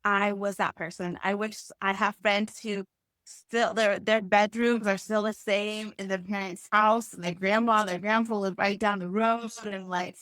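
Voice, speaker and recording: This young podcast guest, Haitian-born and raised between East Africa and the US, speaks earnestly in a conversational interview, often using "like" as a filler. Her mid-range voice is steady, unhurried, and a bit bright, and the recording is dry.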